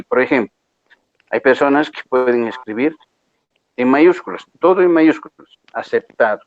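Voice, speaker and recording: A man's voice: mid-range voice, muffled recording. A male lecturer patiently explaining exam rules to a class, often checking that students follow. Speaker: university lecturer.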